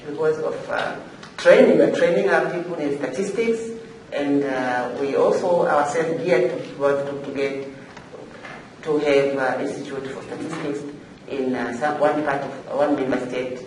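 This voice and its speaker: Captured from a distance in a highly reverberant forum room with faint background noise, this Zanzibari woman, an African regional official, offers unscripted semi-formal panel remarks. Her voice sits low and slightly mellow. She halts, pauses, and repeats things for emphasis, yet stays forceful.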